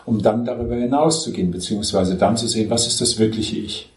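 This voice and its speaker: Man, spiritual teacher, patient step-by-step explainer, lowish voice, echoey room. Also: quick pace, darkish tone. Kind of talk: spiritual dialogue on self-inquiry. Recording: roomy echo.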